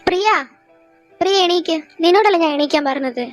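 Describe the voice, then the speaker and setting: A strict schoolteacher barks at a pupil in a piercing, very high voice, as a young woman puts her on. She fires off loud, scolding questions, one after another. The voice stays shrill and forceful throughout this fan audio drama. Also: steady tone, racing, faint music behind.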